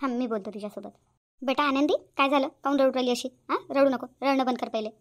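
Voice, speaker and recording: Brief: advice-giving cartoon auntie, voiced by a woman, quick delivery. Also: high voice, fairly even intonation, natural voice. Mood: coaxing. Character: meddling middle-aged neighbor aunt, advising. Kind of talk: cartoon voice acting.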